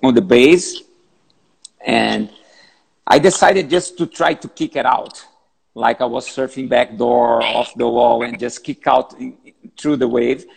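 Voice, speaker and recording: A man in his fifties, a big wave surfer, answering interview questions in halting, repetitive English, calling in from a gym. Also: mid-range voice, creaky, husky. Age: 50s. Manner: halting, repeats words, non-native phrasing.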